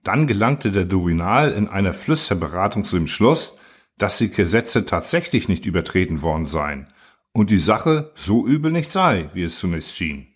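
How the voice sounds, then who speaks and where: Husky low-voiced male storyteller. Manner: measured, steady storytelling. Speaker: audiobook reader. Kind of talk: scripted narration.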